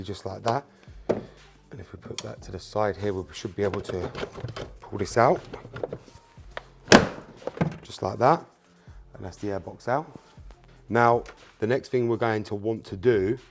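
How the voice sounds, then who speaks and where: There's slight background noise as a man with a lowish, slightly mellow voice hosts a hands-on car repair tutorial for his mechanic channel. A native Spanish speaker, he chats casually with "you guys" while working and keeps repeating fillers such as "um" and "obviously."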